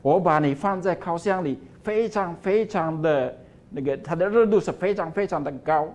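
A man voicing a patient male potter who speaks in a low, quiet, unhurried way during a homily story. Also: natural voice. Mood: calm.

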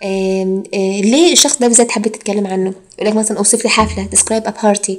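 Fast-talking Egyptian woman teaching IELTS. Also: medium pitch, steady tone, a little mellow. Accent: Egyptian Arabic. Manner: mixes English exam phrases into Arabic; drawn-out fillers and hesitations. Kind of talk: recorded lecture.

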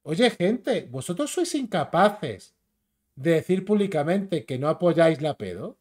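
A man's voice: on the high side, very animated, a little slow, a little mellow. Man ranting angrily in Spain Spanish. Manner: combative, mocking and insulting. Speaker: YouTube commentator. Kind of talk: ranting commentary video.

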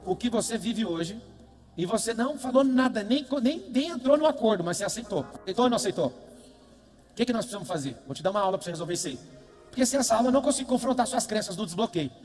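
High-voiced Brazilian man shouting in a hall. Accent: Brazilian Portuguese. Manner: emphatic, swings from low asides to shouted chants. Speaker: motivational speaker. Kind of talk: live motivational seminar with call-and-response. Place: large event hall with a big screen. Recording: long hall reverb, faint music behind.

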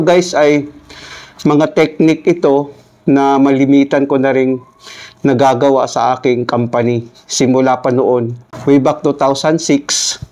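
A man's voice: mid-range voice, darkish tone. A middle-aged Filipino man with missing front teeth gives a casual instructional explanation, often checking in with listeners. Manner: frequent "no?" check-ins, addressing viewers informally. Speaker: electrical technician giving a tutorial. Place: small indoor room at a table.

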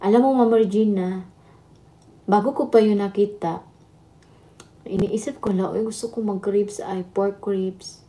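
Woman, livestream host, chatty and laughing, mellow tone. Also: medium pitch, fairly even intonation, unhurried, pauses often. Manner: chatty, laughing, switching between Tagalog and Visayan. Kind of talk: casual live chat with viewers.

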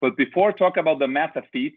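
This middle-aged man from Brazil, a company director, runs a webinar on a video call, his speech marked by a Brazilian Portuguese accent, false starts and filler uhs. He talks fast in a husky voice on the high side. The audio is thin and phone-like.

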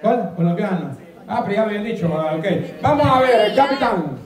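A man's voice: sits high, lively intonation, fairly quick. A man with a Salvadoran accent hosting a quiz show, teasing the contestants and laughing often. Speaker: game show host. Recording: echoey, distant mic, loud crowd.

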